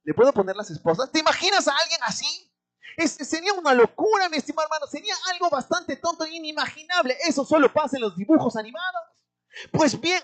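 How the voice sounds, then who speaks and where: High-voiced Peruvian preacher. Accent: Peruvian Spanish. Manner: keeps calling out "my dear brother" and asks the congregation rhetorical questions; dramatic swings between loud and hushed. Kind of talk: sermon.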